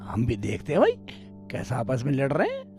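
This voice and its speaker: A man's voice: mid-range voice, wildly swooping pitch, brisk, over music. A man playing a bumbling, melodramatic village husband in a slapstick comedy film, whining and wailing. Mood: coaxing. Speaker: comic lead.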